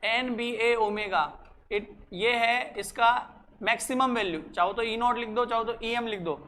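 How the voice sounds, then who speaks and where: Brief: physics tutor, mid-pitched, dictating slowly, repeating lines, faint background hiss. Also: a bit bright. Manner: dictates slowly, repeats phrases, quizzes students. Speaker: physics teacher. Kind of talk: classroom lecture mixing Hindi and English.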